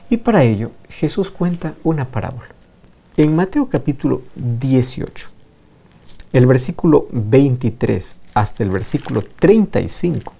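A man's voice: mid-range voice, gravelly, dark tone. A man preaching a sermon, emphatic and fond of repeating phrases for effect.

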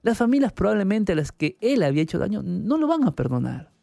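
A man's voice: sits high, big pitch swings, quick pace, creaky, mellow, dry recording, studio quality, pitched above the performer's own voice, full character voice. A man voicing a pleading remorseful young convict. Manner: pleading, contrite. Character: remorseful young male convict seeking forgiveness.

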